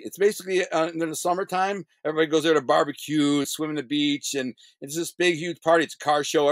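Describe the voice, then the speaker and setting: Recorded dry, with a medium-pitched voice, this middle-aged man recounts his life as a guest. He's animated and blunt, performing the voices of people in his story, talking in casual street slang with the swearing bleeped.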